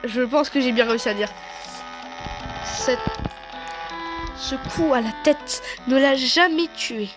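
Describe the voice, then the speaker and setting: A woman's voice: high-pitched, takes it slowly, pauses often, music in the background, rough recording. A woman playing a wry, reflective young narrator in scripted first-person storytelling, conversational in manner. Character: wry young narrator recalling a haunted-manor night years later.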